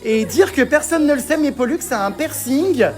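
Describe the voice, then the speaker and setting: A man hosting a vlog, giving excited commentary indoors in museum rooms, with exuberant, theatrical exclamations. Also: extremely high pitch, normal speed, soft background music. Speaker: vlog host.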